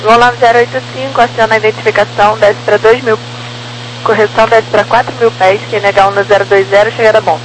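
A woman's voice: medium pitch, flat delivery, fast. A woman with a Brazilian accent giving clipped radio instructions as an approach air traffic controller. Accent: Brazilian Portuguese. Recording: humming, noisy aviation radio.

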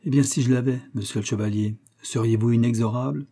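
Man voicing a gentle old priest: husky, dark, earnest and pleading. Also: mid-range voice, steady tone, fairly quick, close to an everyday voice. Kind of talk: audiobook character reading.

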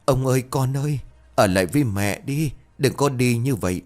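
A sobbing village widow wails and pleads for her lost family, voiced by a man in a low register. Her cries rise and fall widely in a horror storybook telling. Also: expressive, moderate pace. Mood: wailing grief. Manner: wailing, pleading through tears. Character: grieving middle-aged village widow, weeping.

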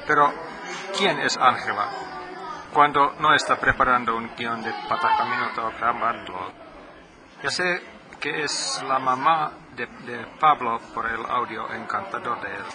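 A man's voice: medium pitch, a little slow, a crowd in the background. A middle-aged man from Finland, whose first language is Finnish, interviewing a guest in careful, slightly broken phrasing. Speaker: podcast host, interviewer. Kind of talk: casual interview.

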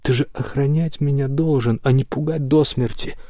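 A man's voice: medium pitch, fairly even intonation, fast, mellow, husky, no echo, natural voice. Male reader voicing a terse, indignant boy, dry close sound. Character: young boy, determined and stern.

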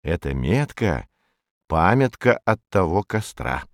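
A man voicing an old storyteller uncle talking to a boy in a low, hushed, unhurried way. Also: big pitch swings, exaggerated voice. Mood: gentle, confiding. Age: older.

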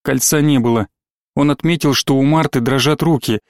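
A man narrating an audiobook story in a measured storytelling manner. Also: medium pitch, a little mellow, no room sound, clean studio sound. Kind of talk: scripted narration.

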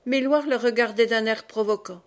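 A woman reading a novel aloud as an audiobook narrator, in a steady, measured way. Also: a little high. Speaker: audiobook reader.

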